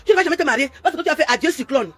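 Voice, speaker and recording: A woman's voice: sits high, expressive, rapid-fire, fairly bright tone. A woman, hosting a live stream and ranting in a boastful, taunting and mocking way. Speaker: social media influencer on a live stream. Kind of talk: insulting live-stream rant. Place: at home with her partner.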